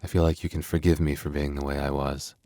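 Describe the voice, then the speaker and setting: In an intimate audio roleplay, a man voices a young werewolf boyfriend with an extremely deep voice, talking fast in a flat delivery. Soft, earnest and regretful, he hesitates and stammers as he opens up vulnerably. The sound is dry with no room sound.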